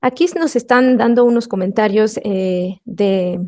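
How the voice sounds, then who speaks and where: A woman's voice: mid-range voice, a little slow, darkish tone. A woman hosting an interview, thoughtfully summing up her guest's words with frequent fillers. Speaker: podcast host. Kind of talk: reflective interview talk.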